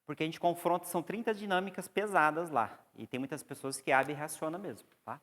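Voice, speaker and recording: A man's voice: on the high side, fast, a bit bright. A man with a Brazilian Portuguese accent giving a classroom lecture on psychoanalysis, explaining and putting questions to the class. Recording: long hall reverb.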